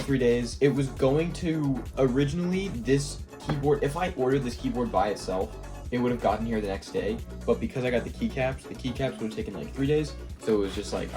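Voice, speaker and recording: Young man, casual unboxing vlog, eager and rambling, loud background music. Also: medium pitch, fairly quick. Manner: excitable, rambling, many fillers. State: swollen lip. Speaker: vlogger.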